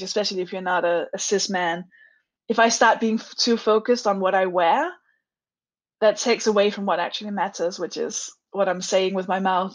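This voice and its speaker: A Danish comedian with a Danish accent speaks candidly as a guest in a conversational interview, laughing often and restarting her sentences. Her voice is medium-pitched, and the audio quality is poor.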